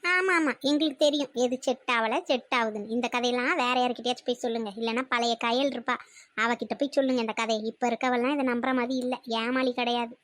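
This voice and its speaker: A woman's voice: a little high, fairly even intonation, quick pace, fairly bright tone, no room sound, lightly acted. A woman voicing a defiant young daughter-in-law in a family cartoon, with a sarcastic, scolding manner. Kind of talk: cartoon voice acting.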